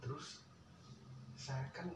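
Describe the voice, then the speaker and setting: An older man tells a family story in casual conversation, his voice swinging from hushed murmurs to loud outbursts. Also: slow. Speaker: guest recounting a family story. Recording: echoey room, distant mic, faint ambient hiss.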